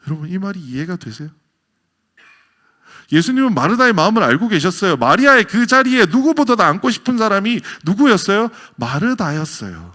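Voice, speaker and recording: A man preaching a sermon as a pastor, with a Gyeongsang accent, swinging from loud exclamations to near whispers. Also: high-pitched, big pitch swings, fairly quick. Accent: Gyeongsang Korean.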